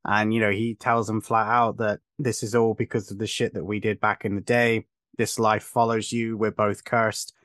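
A man's voice: fairly low pitch, little pitch movement, normal speed, few pauses, fairly bright tone, dry recording. Opinionated male podcast host, dry sound. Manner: long, emphatic, opinionated explanations. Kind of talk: casual podcast chat.

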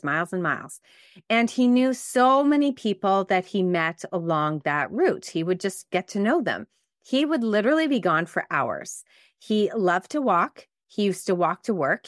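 A middle-aged woman talks through her solo podcast in a warm, chatty and reflective way. Her voice sits a little low for a woman. The sound is close and dry, with no room around it. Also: no room sound. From Montreal, Canada. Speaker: podcast host. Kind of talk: casual solo podcast talk.

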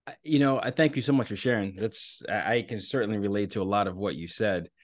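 A man with a fairly low voice hosts a podcast interview. He reads the guest's introduction and asks eager questions, stumbling over his starts. The sound is dry and close. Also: fast, no room sound. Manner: laughs easily, eager, stumbling restarts. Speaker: podcast host.

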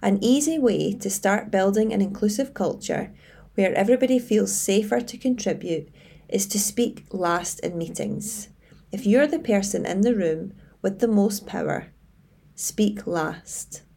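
Female coach presenting structured advice, measured and tidy, with a mellow tone and gravelly fry. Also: medium pitch, animated. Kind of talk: scripted advice presentation to camera.

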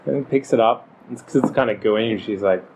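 A man running a tabletop game as game master, narrating scenes and slowing into a solemn, measured delivery for formal speeches. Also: on the low side, darkish tone, slight background noise, poor audio.

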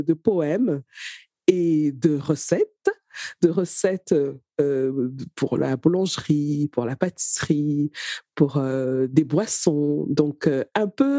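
A woman interviewing a guest, speaking slowly and hesitantly, often repeating words. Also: sits low, warm tone, no echo, studio quality. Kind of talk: conversational interview.

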